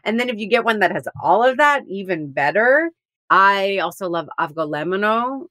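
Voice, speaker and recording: A woman's voice: medium pitch, animated, moderate pace, bright, forceful tone, no room sound, clean studio sound. A woman co-hosting a podcast in casual chat, enthusiastic and talkative, often laughing. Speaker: podcast co-host.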